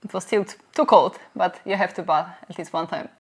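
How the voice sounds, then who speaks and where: A young woman with a somewhat low voice, talking calmly in a casual vlog conversation. She speaks in a measured way and now and then pauses on a filler. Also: breathy edge. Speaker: vlog co-host.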